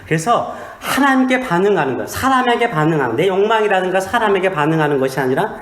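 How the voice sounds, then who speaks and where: A man's voice: sits high, sing-song, fast. A man, a pastor, preaching a sermon in a small church, with humor and questions put to the congregation. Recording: echoey church sanctuary.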